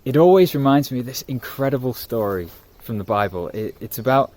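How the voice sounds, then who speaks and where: A man retells a Bible story to camera in an animated, conversational manner. His voice is mellow and warm, set at a middle pitch. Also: fairly quick. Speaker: youth vlogger and interviewer.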